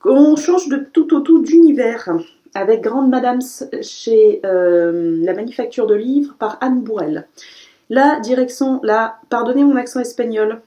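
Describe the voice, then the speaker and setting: A woman chatting casually as she reviews a haul of new books, correcting herself often and filling pauses with "euh". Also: fairly high pitch, mellow, lo-fi sound. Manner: chatty, self-correcting, frequent "euh" fillers. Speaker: book vlogger.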